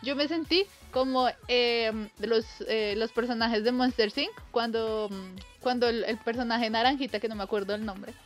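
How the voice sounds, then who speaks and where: A woman's voice: fairly high pitch, normal speed, hardly any pauses, faint music behind. A young woman telling a casual anecdote, acting out the voices she quotes and laughing often. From Colombia. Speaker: storyteller.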